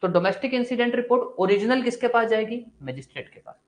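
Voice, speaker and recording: A male law teacher with a very high, animated voice runs a fast-paced live online class. He poses questions and answers them himself in a relaxed, encouraging style, mixing Hindi with English terms.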